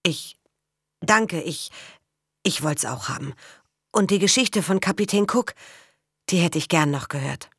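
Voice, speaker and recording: A woman's voice: on the low side, expressive, a little slow, long pauses, a bit bright, breathy edge, no echo, clean studio sound, full character voice. A woman doing a stubborn, stammering poor boy. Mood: defiant. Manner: hesitant, stammering.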